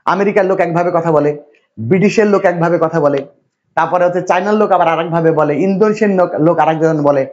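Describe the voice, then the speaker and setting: A man from Bangladesh lecturing a classroom, his voice a little higher than most men's. He talks in a repetitive, reassuring way and keeps quizzing his students. The recording is dull and lo-fi. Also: rapid-fire, a little mellow. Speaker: English teacher.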